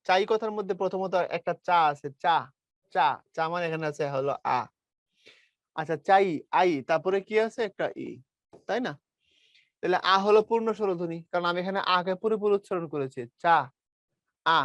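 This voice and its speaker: Young male tutor from Bangladesh, light Brahmanbaria accent, fairly high voice, dry close sound, patient step-by-step lecturing. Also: no room sound. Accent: Bangladeshi Bengali, Brahmanbaria region. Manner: explains step by step, calls students brother, models sounds aloud. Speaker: teacher. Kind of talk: online class lecture.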